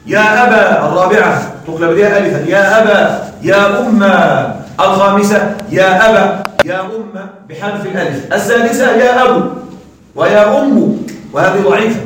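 A man teaching grammar in a classroom lecture, quizzing his students with quick questions. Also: sits high, fairly bright tone. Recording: very echoey room, mic far off.

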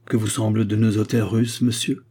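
A man's voice: medium pitch, moderate pace, mellow, voice pushed up, natural voice. A man reading a sarcastic domineering Russian major. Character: harsh proud male Russian major.

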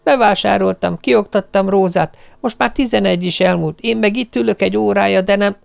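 A man voicing a harried, frazzled young wife and mother who talks in a rushed, complaining way. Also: high voice, vocal fry, pitched above the performer's own voice. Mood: flustered.

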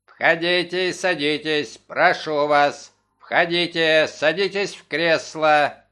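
Man squawking as a loud guttural parrot. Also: fairly even intonation, slow pace, clean tone. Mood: shrieking. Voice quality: low guttural. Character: talking parrot, guttural, accusing shrieks.

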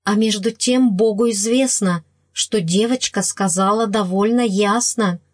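A woman voicing a sorrowful young woman from a storybook who has been wronged and speaks with slow, tearful restraint. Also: medium pitch, breathy edge, no room sound, clean studio sound.

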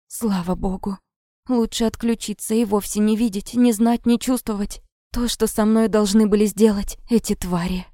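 Dark-voiced woman narrating an audiobook. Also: mid-range voice, no room sound, studio quality. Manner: tense, dramatic first-person reading.

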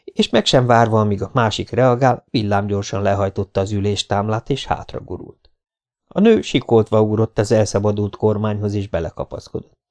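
A man reading a novel aloud as an audiobook narrator, in a steady storytelling manner. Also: fairly low pitch.

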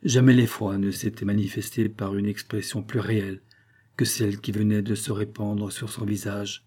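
A man narrating a classic novel as an audiobook in a measured, dramatic reading. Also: fairly low pitch, flat delivery, mellow, slightly rough.

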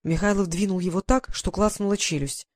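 A man reading a first-person historical story aloud in an even storytelling manner. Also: high-pitched, fairly quick, no room sound. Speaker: audiobook narrator. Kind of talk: first-person scripted narration.

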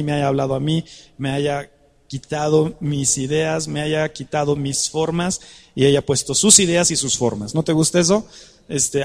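A man preaching a sermon, animated and conversational, coaxing the congregation to join in. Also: high voice, gravelly, in a large hall.

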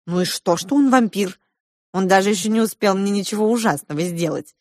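A woman's voice: medium pitch, fairly quick, darkish tone, no room sound, clean studio sound, close to an everyday voice. A woman doing a flustered, bossy young nanny. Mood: scolding.

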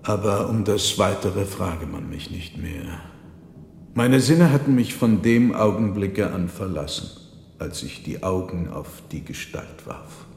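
A man narrating a radio drama in a measured, grave storytelling manner. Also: low-pitched, animated, gravelly, darkish tone, a little hiss or hum. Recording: roomy reverberant hall.

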